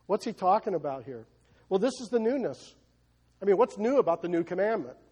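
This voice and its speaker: A man's voice: high voice, big pitch swings, brisk, a little mellow, slightly rough. A man preaching a sermon to his congregation, emphatic, asking rhetorical questions and often repeating words as he goes. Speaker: pastor.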